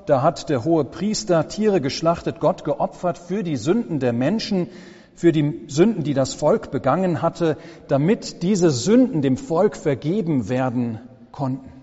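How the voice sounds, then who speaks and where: A man preaching a sermon as pastor, slow and solemn with dramatic pauses, in a church. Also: on the high side, animated, dark tone, husky. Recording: long church reverb, dull lo-fi sound.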